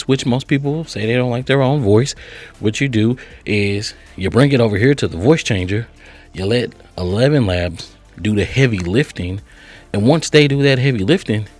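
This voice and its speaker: A mellow-sounding man with a medium-pitched voice runs a software tutorial channel. His step-by-step guidance is casual and talkative, and he frequently adds short check-in tags.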